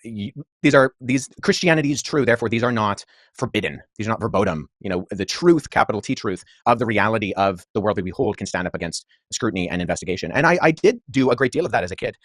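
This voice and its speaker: A man in his thirties, a historian guest in a podcast debate, speaking in an articulate, measured way with many asides. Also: on the low side, expressive, fairly bright tone, no echo, studio quality. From Pakistan-born, raised abroad.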